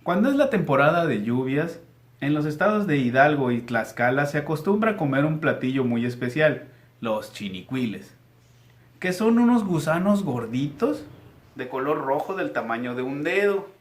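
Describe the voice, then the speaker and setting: A man's voice: on the high side, very animated, moderate pace. A male teacher, reading aloud to young pupils in a patient, guiding way. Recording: echoey room.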